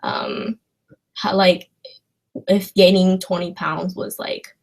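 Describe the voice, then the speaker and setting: Chatting informally with her viewers and fielding their questions, this young adult livestream host from China comes across as hesitant and rambling. She talks slowly in a gravelly, lowish voice with huge swings in pitch.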